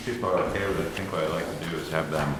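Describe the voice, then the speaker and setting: A man with a deep voice chairs a meeting informally. He is heard in an echoey room with clear background noise. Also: steady tone, very fast.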